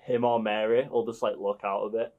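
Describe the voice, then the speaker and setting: A man's voice: fairly low pitch, little pitch movement, fairly quick, narrow, tinny audio. A British man chatting casually as a guest, hesitant and full of fillers. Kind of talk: casual chat.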